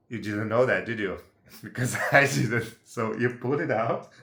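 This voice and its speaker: Speaking slowly in a mid-range, fairly bright voice, a Brazilian man with a Brazilian Portuguese accent talks viewers through a casual, unedited how-to in his second language, English. The sound is reverberant. As an amateur presenter, he keeps it chatty and checks in with tag questions such as "right?" and "yeah?"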